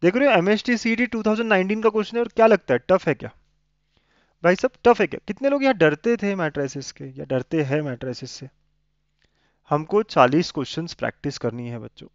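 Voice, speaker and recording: A man's voice: high voice, fairly quick, dry recording, lo-fi sound. Man teaching maths, coaxing questions. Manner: coaxing, asks many checking questions, mixes Hindi and English. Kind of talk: exam revision lesson.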